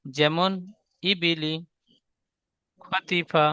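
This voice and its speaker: A man teaching a Quran reading class, spelling out letter sounds in a slow, patient, repetitive drill. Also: fairly high pitch, steady tone, sharp tone, clean tone, dry recording.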